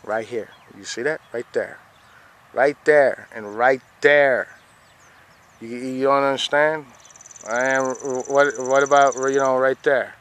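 A man's voice: medium pitch, fairly even intonation, slow pace, fairly bright tone. A man filming the sky outdoors on a handheld phone, rambling and repeating "see?" as he points things out. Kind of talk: casual filmed commentary. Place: outdoors beside a fenced yard.

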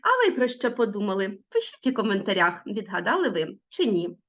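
A middle-aged woman teaching a recorded language lesson, drawing out example words slowly and stressing them. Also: mid-range voice. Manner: lively, drawn-out word stressing. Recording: dull lo-fi sound.

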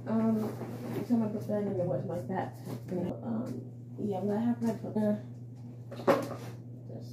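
A woman's voice: mid-range voice, a little slow. A young woman vlogging as she gets ready in the morning, rambling and chatty with lots of fillers, in a groggy morning voice. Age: young adult. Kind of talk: casual get-ready-with-me vlog. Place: home, indoors. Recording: roomy echo with steady background noise.

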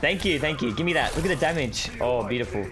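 A man hosting a gaming video, giving live commentary on a fighting-game match with excitable yells, groans and laughs. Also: mid-range voice, quick pace. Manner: excitable, yelling reactions and groans. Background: game music.

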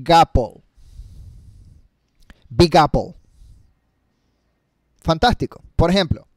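Upbeat male English tutor, higher voice, dry close sound, emphatic. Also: no echo. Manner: lively, emphatic, slows to demonstrate English phrases. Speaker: English teacher. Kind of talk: energetic video lesson.

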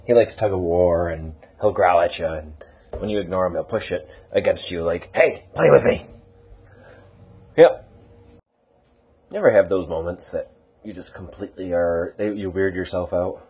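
A man's voice: low-pitched, fairly even intonation, brisk, darkish tone, slightly rough. A young man vlogging casually at home, rambling and teasing his dog in a self-mocking way. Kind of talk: casual vlog chat to camera and to his dog. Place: at home, indoors.

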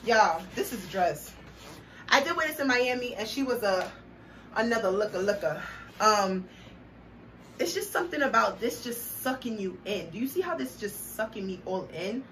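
Recorded from afar with background noise audible, a young woman chats casually through a clothing haul, hyping every look. She is playful and sassy, singing little snippets, her medium-pitched voice animated, fairly bright, at a normal pace.

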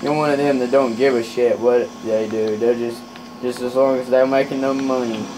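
A man's voice: medium pitch, normal speed, background noise. Rowdy swearing man gaming with a friend. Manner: rowdy, swears often, excitable outbursts. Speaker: gamer playing a trucking game with a friend. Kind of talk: casual game commentary.

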